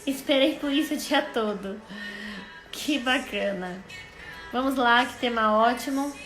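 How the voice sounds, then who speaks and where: At home on Instagram Live, a thirty-something Brazilian psychologist greets her viewers in a friendly, chatty way, musing out loud in Brazilian Portuguese. She speaks unhurriedly in a slightly high, fairly bright voice; the audio is poor and roomy, with faint music in the background.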